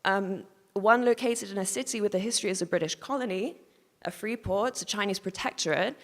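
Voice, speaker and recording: A woman reading a prepared conference lecture in a measured, formal way, pausing now and then to correct herself. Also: mid-range voice. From Hong Kong. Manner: measured, formal reading with occasional restarts and apologies. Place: conference hall. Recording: long hall reverb.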